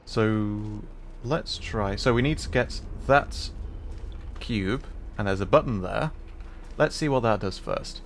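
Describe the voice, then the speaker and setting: A man livestreams a game, thinking aloud as he explains the puzzles casually and hesitantly, piece by piece. His voice is on the low side and slow, with faint noise and game ambience behind him.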